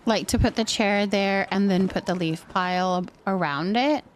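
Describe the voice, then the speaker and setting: With a little hiss or hum in the audio, a woman speaks in a mid-range voice at a moderate pace. She chats casually on her livestream as she plays a building game, thinking out loud and responding to viewers.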